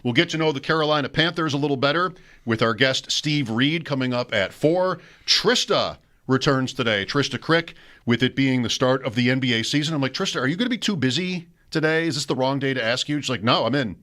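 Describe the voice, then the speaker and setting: A male sports radio host in smooth broadcast mode, rolling through sponsor reads and station breaks at a mid-range pitch. His delivery is easy and wry, conversational rather than shouty. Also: animated, brisk. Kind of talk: sports talk radio show.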